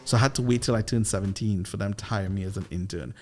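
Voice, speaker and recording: A man with a Trinidadian accent from Trinidad and Tobago, a guest entrepreneur and business coach telling playful, animated stories in a casual interview. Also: lowish voice, fast talker, soft background music. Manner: animated, playful, with lively voiced asides.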